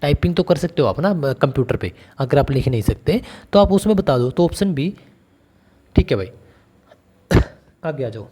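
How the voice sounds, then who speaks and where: Conversational exam tutor, mellow voice. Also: male voice, fairly high pitch, expressive, moderate pace, long pauses, slightly rough. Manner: conversational, calls the listener brother and asks questions. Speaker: exam coaching teacher. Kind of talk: online exam-prep lesson.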